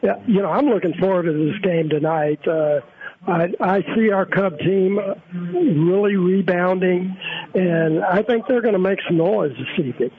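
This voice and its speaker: A man's voice: sits high, a little slow, breathy edge. A man giving casual football commentary as a co-commentator on a sports broadcast. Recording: tinny phone-like radio line.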